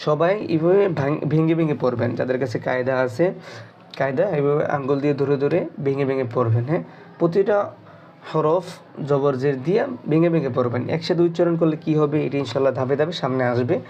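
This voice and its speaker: A man's voice: a little high, quick pace, highs cut off. A Bangladeshi Bengali-accented man teaching Quran reading, spelling each letter and vowel mark and then blending them into words. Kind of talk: slow syllable-by-syllable recitation lesson.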